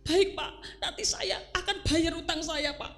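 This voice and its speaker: A woman's voice: very high voice, measured pace, a bit bright, faint music behind, voice pushed up. A woman voicing a poor widowed mother who frets and pleads in a children's story. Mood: pleading. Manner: pleading, fretful.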